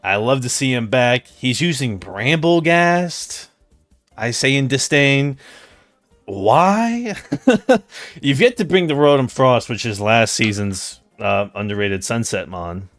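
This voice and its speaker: A man's voice: mid-range voice, normal speed, few pauses, fairly bright tone, no room sound, faint music behind. A man co-hosting casual commentary, playful and enthusiastic. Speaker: co-host.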